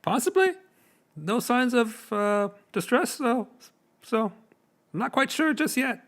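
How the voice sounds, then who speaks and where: A man's voice: very high-pitched, animated, takes it slowly, a bit bright, pitched above the performer's own voice, exaggerated voice. A man voicing an eager, officious, odd little guard captain in a tabletop game, earnest and overexcited. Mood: earnest, concerned. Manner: overexcited, self-announcing, earnest.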